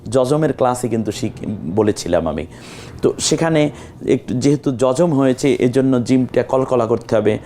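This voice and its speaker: A man teaching Quran recitation step by step, patiently repeating words and breaking into drawn-out melodic chanting of the verses. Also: medium pitch, dark tone, slight background noise. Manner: drawn-out melodic chanting of Arabic verses between plain explanations. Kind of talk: slow step-by-step recitation lesson.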